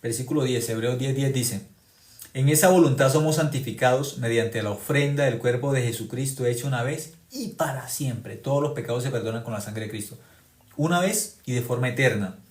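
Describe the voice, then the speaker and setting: A male preacher delivers a sermon with strong emphasis, repeating key phrases. He moves between loud exclamations and quiet, low remarks. His voice sits at a medium pitch and rings in a roomy, echoing space. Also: a little fast. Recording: echoey room.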